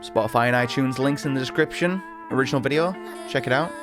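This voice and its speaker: Excitable man rambling over a song. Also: medium pitch, fast, over music. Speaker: reaction channel host. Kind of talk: casual music reaction commentary.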